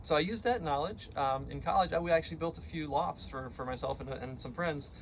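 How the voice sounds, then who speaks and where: A middle-aged American man giving a heartfelt eulogy for his father, speaking tenderly and haltingly, with pauses and repeated words. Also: fairly high pitch, slight background noise, low-quality recording. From Florida, United States.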